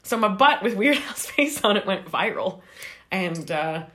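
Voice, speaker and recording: A young woman from Canada telling a long story in a rambling, animated way, acting out what people said. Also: mid-range voice, unhurried. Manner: animated, rambling, acts out quoted voices. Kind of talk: casual storytelling.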